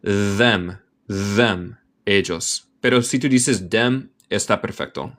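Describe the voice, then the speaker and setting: A man from Michigan, speaking Spanish as a second language with an American accent, patiently reading a story and explaining words in a slow bilingual lesson. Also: on the low side, lively intonation. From Michigan, United States. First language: English. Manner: patient, explains words aloud, thinks out loud. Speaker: language teacher.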